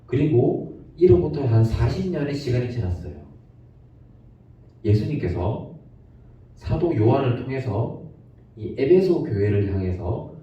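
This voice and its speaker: A man giving a gentle sermon to children, acting out the quoted lines as he tells the story. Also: medium pitch, very animated, unhurried, long pauses. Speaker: children's pastor. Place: church for online service. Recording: echoey room, distant dull mic.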